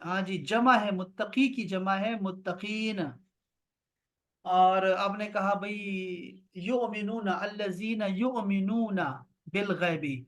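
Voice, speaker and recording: A man teaching an online Arabic grammar class over a video call, explaining and slowly repeating words for his students. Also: sits high, fairly bright tone.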